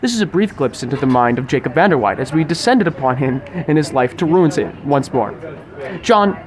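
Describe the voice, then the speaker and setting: Brisk and lively in intonation, a young podcast host with a slightly high voice performs a wordy, mock-formal, grandiose script. The setting is a busy sushi restaurant, and its chatter fills the background.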